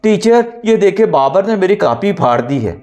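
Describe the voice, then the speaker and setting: A whiny little schoolboy, crying loudly as he tattles, played by a male narrator. The voice sits well above the storyteller's own, in a spoken audio story. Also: high voice, very animated, normal speed, voice pushed up. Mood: tearful.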